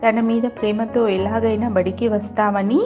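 A woman voicing a calm childhood friend. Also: a little high, normal speed, lightly acted. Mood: explaining. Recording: slightly dull, faint music behind.

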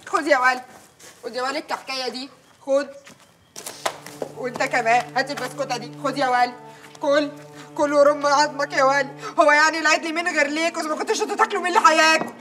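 A woman's voice: high voice, fairly even intonation, quick pace, lightly acted. An actress playing a poor, downtrodden village servant woman who laments and prays aloud, speaking with an Egyptian Arabic accent. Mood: relieved. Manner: lamenting, praying, pleading.

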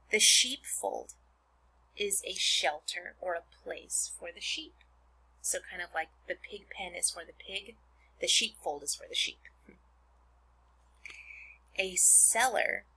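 Breathy, bright-voiced woman teacher. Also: on the low side, rough recording. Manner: deliberate, careful word-by-word pronouncing and defining. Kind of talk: read-aloud lesson for children, explaining vocabulary. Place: indoors at a desk, screencast over book and worksheets.

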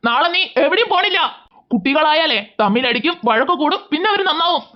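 A woman voicing a calm cartoon dad. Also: high-pitched, a little fast, highs cut off. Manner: firm and level-headed. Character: calm, sensible young father.

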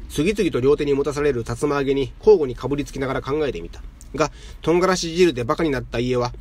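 A man reading literary fiction aloud in a calm, measured way. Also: mid-range voice. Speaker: narrator.

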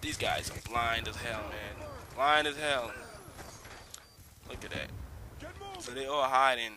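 A man's voice: mid-range voice, steady tone, normal speed, bright, forceful tone. Laid-back young man swearing over gameplay. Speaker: gaming channel host. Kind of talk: casual gameplay commentary. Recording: noisy homemade recording with hiss.

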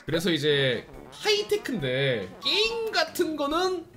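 A man's voice: very high-pitched, huge pitch swings, unhurried, pushed and bright, faint music behind. A young man hosting a livestream interview, asking polite but teasing questions into a close microphone. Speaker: event host and interviewer.

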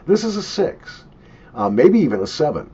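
An older man talks through a casual review with lots of swing in his pitch. His voice is husky and emphatic, and he sounds opinionated. The recording is a dull webcam capture from a home office desk. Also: very animated, normal speed, dark tone. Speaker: pipe tobacco reviewer. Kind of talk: casual unscripted product review. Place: small cluttered home office, indoors.

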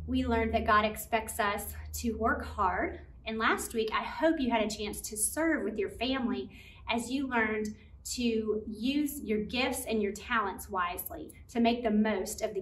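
A woman leads a children's Bible lesson in a gentle, encouraging way, talking to the kids as friends. Her voice sits a little high. She is recorded from a bit off the mic, with a faint hiss behind her. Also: echoey room, far from the mic. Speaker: children's ministry teacher.

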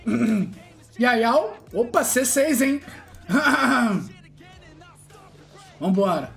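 A man's voice: very high voice, animated, extremely slow, creaky, faint music behind. A man commentating his gacha pulls, boastful and taunting, drawing out chanted catchphrases. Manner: shouts and laughs loudly at lucky pulls. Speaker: gaming streamer. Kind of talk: excited gacha-pull commentary.

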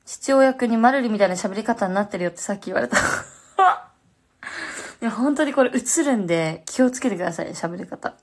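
A woman's voice: medium pitch, animated, moderate pace. A young woman with a Fukuoka accent chatting casually on a phone livestream, slangy and answering viewer comments. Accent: Fukuoka Japanese.

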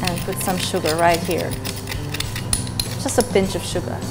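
A young adult woman hosting a cooking show calmly explains the recipe step by step in a relaxed, instructional way. Her voice is on the low side at a normal speed, captured on a lapel mic in an indoor kitchen studio. Music plays under the voices along with the clink of pans and cutlery.

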